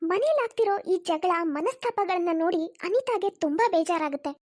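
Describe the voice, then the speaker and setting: A woman narrating a cartoon story in a calm, scripted way. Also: extremely high pitch, brisk, no room sound, studio quality.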